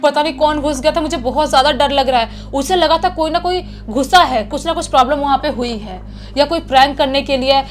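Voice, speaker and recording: A woman's voice: sits high, fairly quick, a little hiss or hum. A woman telling a true horror story in a chatty, casual way, often repeating words for effect.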